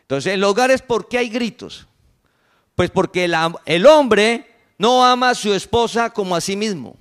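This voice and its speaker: A woman with a Santander Colombian accent delivers a sermon in an emphatic way. She keeps asking her listeners rhetorical questions. When she quotes other people, she drops into a lower, acted-out tone. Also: lively intonation, unhurried. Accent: Santander Colombian Spanish. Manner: acts out quoted voices in a lowered tone. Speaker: preacher.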